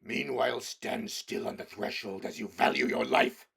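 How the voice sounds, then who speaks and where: A man's voice: mid-range voice, moderate pace, gravelly, fairly bright tone, slightly rough, full character voice. A man growling as a menacing great wolf. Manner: growling, harsh whispery menace. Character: huge menacing male wolf, secret police chief.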